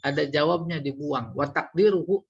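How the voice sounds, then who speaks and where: A man teaching Quran commentary in a religious study lecture, animated and teasing as he drills Arabic grammar terms. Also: on the high side, normal speed, creaky, slightly rough, dull audio.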